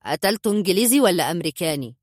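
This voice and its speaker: Woman doing a gruff egyptian gang boss, curt and coarse, storybook reading, dry. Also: lowish voice, big pitch swings, rapid-fire, darkish tone, dry recording. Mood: probing. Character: gruff irritable middle-aged male gang boss.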